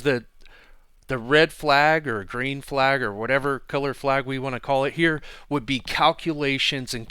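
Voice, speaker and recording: A man's voice: medium pitch, clear, resonant tone, dry recording. A man giving a casual screencast coding tutorial, thinking aloud with fillers as he types at his desk. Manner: relaxed, thinking aloud with fillers while typing. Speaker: programming instructor.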